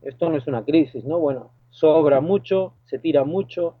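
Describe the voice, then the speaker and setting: An Argentine man with an Argentine Spanish accent, a lifeguard and boat skipper, is a guest in a phone interview, speaking hesitantly with many fillers and restarts. His voice is fairly high and slightly rough at a normal speed. The tinny phone line has no echo.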